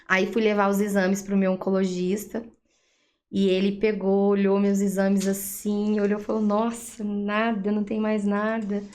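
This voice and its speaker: A woman with a Brazilian Portuguese accent, a guest giving a personal faith testimony, telling her story in a lively way and acting out the dialogue she quotes. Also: medium pitch, normal speed. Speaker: interview guest.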